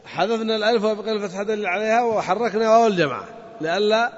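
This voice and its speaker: Speaking rapid-fire in a high voice, a male teacher works through grammar, going over points methodically and testing his students. It's recorded in a reverberant hall with dull, lo-fi audio.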